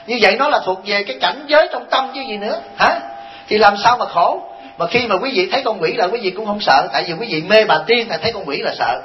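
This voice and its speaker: A man's voice: sits high, expressive, fast talker, slight background noise. A man, a Buddhist monk giving a folksy, joking dharma talk full of rhetorical questions. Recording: dull lo-fi recording.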